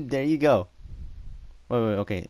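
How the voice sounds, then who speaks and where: A man's voice: medium pitch, big pitch swings, takes it slowly, warm tone, dry recording. Young man joking over zombie game. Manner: joking, laughing, teasing. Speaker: gaming channel host. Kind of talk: casual gameplay chat with a friend. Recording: game music behind the voice.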